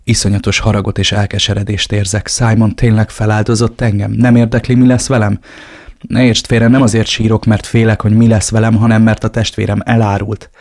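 A man's voice: on the low side, level tone, darkish tone, dry recording, studio quality, close to an everyday voice. A man voicing a frightened, betrayed young woman in an audiobook, pleading and distraught. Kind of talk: audiobook reading.

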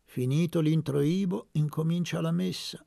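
A man's voice: on the high side, little pitch movement, normal speed, gravelly, warm tone, no echo, studio quality, voice pushed up. A man voicing a sly young man who makes ironic, knowing jokes.

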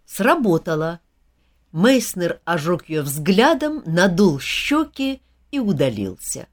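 A woman reading a novel aloud as an audiobook narrator, with expressive storytelling. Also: fairly low pitch, slow. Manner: expressive storytelling, lively intonation. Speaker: audiobook reader.

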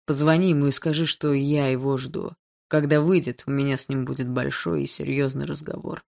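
A woman reads as a domineering teenage schoolboy, very low and gravelly, snapping short, cold commands. He sounds menacing and fully in control, like a storybook bully whose classmates don't dare argue. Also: steady tone, fairly quick, a little mellow. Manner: curt, menacing orders.

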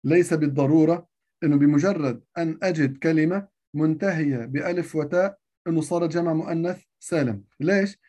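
A man's voice: fairly high pitch, fairly quick, dark tone. A man giving a grammar lesson, repeating each point and asking himself rhetorical questions before answering them. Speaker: teacher of Arabic grammar.

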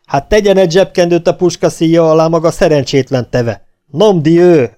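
A man's voice: on the high side, mellow, voice pushed up, close to an everyday voice. A man voicing a coarse, bullying legion corporal who bellows and curses in an audiobook. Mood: scornful. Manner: bellowing, cursing.

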